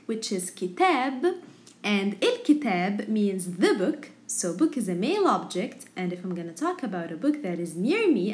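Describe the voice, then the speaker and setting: A woman with an Egyptian Arabic accent teaching a language lesson, repeating words and their translations in an instructional way. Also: on the high side.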